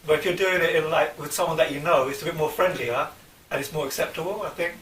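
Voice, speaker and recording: A man in a casual panel discussion giving a measured, hedged opinion. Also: a little high, a bit bright. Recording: roomy, distant mic with faint hiss.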